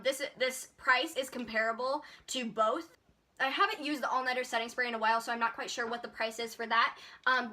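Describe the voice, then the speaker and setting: A woman's voice: fairly high pitch, bright, forceful tone. A young woman chatting in a casual makeup haul vlog, bubbly and full of filler words. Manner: chatty, bubbly, lots of likes and ums. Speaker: beauty vlogger.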